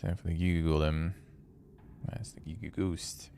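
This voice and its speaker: A man's voice: deep voice, fairly even intonation, normal speed, creaky, mellow, slight background noise. A man giving casual game commentary and reading story text aloud as a streamer.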